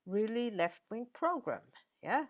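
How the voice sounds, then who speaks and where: An older woman professor answering interview questions in a measured way, with frequent fillers and restarts. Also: a little high, big pitch swings, dull audio.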